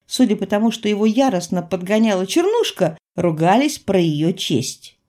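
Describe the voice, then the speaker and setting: A woman narrating a first-person audiobook in a wry, expressive storytelling manner. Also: medium pitch, normal speed.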